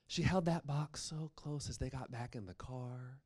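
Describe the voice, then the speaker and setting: An American man performs as an oral storyteller. He paces a spooky tale deliberately and leans on words for dramatic effect. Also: mid-range voice, slightly rough. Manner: dramatic, deliberate pacing with expressive emphasis.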